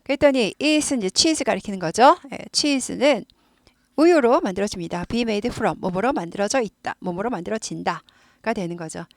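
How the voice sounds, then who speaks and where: A woman from South Korea, talking through an English lesson in a chatty way and repeating words slowly to model pronunciation. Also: medium pitch, lively intonation, a little mellow, dry recording, clean studio sound. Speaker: English teacher. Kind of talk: casual explanatory lesson.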